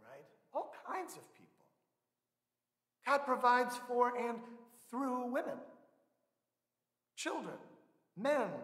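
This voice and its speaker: A man in his thirties preaching a sermon from a church pulpit, measured and earnest, leaning on slow emphatic stresses. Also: very high-pitched, a bit bright. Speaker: pastor. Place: large church sanctuary, indoors. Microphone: pulpit microphone. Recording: echoey church with long reverb.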